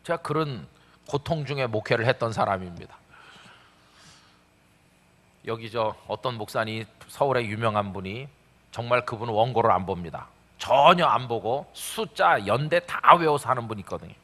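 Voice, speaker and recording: Korean pastor preaching in a reverberant hall. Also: male voice, mid-range voice, expressive, fairly quick, bright, forceful tone. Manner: storytelling with acted quotes and rhetorical questions. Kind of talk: revival sermon. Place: large church sanctuary. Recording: long church hall reverb.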